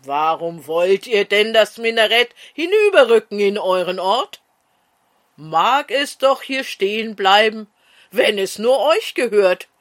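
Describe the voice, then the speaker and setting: A woman's voice: medium pitch, animated, slow. A woman storyteller voicing a village mullah who coaxes and persuades. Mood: coaxing.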